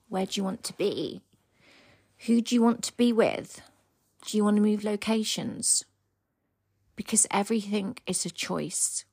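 A woman hosting a motivational coaching podcast from home, speaking earnestly and dropping into soft whispers for emphasis. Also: medium pitch, creaky, slightly rough, no echo, clean studio sound. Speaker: podcast host and embodiment coach. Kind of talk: motivational solo podcast talk. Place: home, with her dog beside her.

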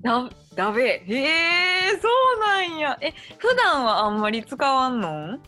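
A woman's voice: high-pitched, sing-song, sharp tone, faint music behind. A woman with a Kansai accent, hosting a casual chat and asking friendly, curious questions. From Kobe, Japan. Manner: friendly, curious, quick back-channel replies.

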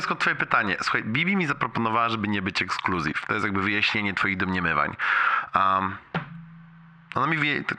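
A young man leaving a casual, rambling voicemail for a friend, slangy with bits of English mixed in, halting and repeating himself. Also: on the low side, pushed and bright. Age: young adult.

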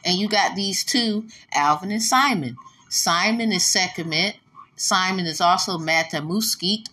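A woman's voice: lowish voice, sharp tone. A woman vlogger talking casually in a blunt, profane, preachy and rambling way.

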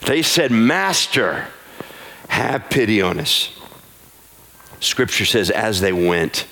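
Pastor preaching in a reverberant church. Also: male voice. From United States. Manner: swings between soft low teaching and raised, high-pitched exhortation; repeats key lines for emphasis. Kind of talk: sermon. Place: church sanctuary.

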